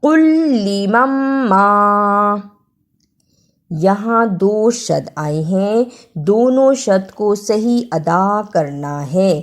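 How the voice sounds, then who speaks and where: A woman teaching a Quran recitation lesson, spelling words out slowly letter by letter and then reciting them melodically. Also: medium pitch, animated, darkish tone. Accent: Pakistani Urdu.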